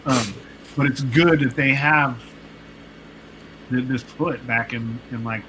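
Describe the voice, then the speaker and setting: Taking his time, a producer and artist in his late forties recounts stories as a podcast guest, easygoing and digressive with many fillers and restarts. His voice sits in the mid range, and background noise runs underneath the casual interview.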